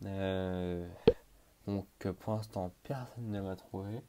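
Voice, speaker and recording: A man's voice: sits low, fairly even intonation, takes it slowly, background noise. A young man giving casual gameplay commentary, hesitant with many fillers, talking to himself and breaking into panicked exclamations. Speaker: gaming YouTuber.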